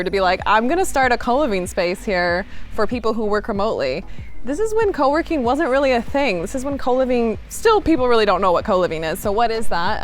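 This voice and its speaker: Bubbly upbeat woman host. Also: fairly high pitch. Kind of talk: enthusiastic casual interview.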